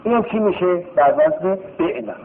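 A male teacher giving a classroom grammar lesson, drilling verb forms in a slow sing-song chant and checking with rhetorical questions. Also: high voice, gravelly. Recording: tinny phone-like sound in a reverberant hall.

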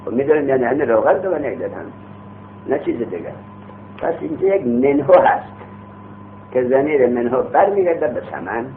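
A man lecturing on a grammar text in a lively, rising-and-falling voice. He asks questions and answers them himself, drawing on street examples. The sound is thin and phone-like, with a faint hum underneath. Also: mid-range voice, long pauses. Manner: uses everyday street examples and acts out vendors calling. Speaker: teacher of Arabic grammar.

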